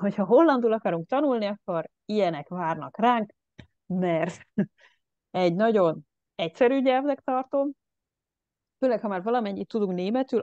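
A woman giving a casual online lecture, chatty and animated, with many fillers. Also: lowish voice, no room sound. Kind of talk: online presentation. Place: at home. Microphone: video call. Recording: dull lo-fi video call audio.

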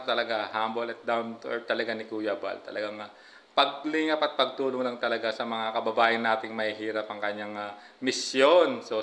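A middle-aged reaction vlogger with a sharp-toned, mid-range voice chats casually to viewers over a clip. He talks into a phone held close and keeps tagging lines with "no, guys?"

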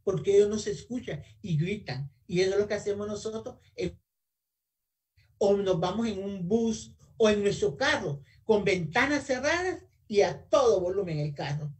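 A woman giving a health talk as a guest speaker in a webinar. She is animated, talks straight to her listeners and asks for the next slide. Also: medium pitch, normal speed. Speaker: guest speaker, audiology technician. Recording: voice a bit far from the mic.

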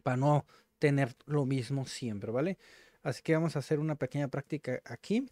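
A man hosting casual language practice, repeating words slowly to sound them out. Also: mid-range voice, warm tone, dry recording, studio quality. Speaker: host.

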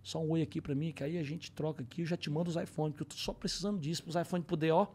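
A young man with a Ceará accent, a comedian telling an anecdote on a podcast in casual, animated style, acting out the voices of others. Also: a little high, fast, slightly rough. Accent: Northeastern Brazilian, Ceará. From Ceará, Brazil. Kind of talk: casual storytelling. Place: podcast studio.

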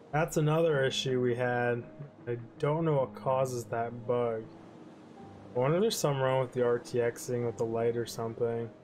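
A relaxed young man talks in a rambling, offhand way, filling time while the credits of a game roll. His pitch sits in an ordinary middle range, and faint music plays under his voice. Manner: laid-back, rambling, yawning, trails off. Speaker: gaming channel host. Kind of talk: rambling let's-play commentary over credits.

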